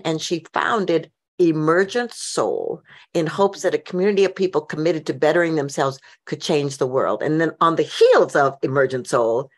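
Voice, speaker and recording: A woman hosting a podcast interview, introducing her guest with upbeat enthusiasm. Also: sits low. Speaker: host.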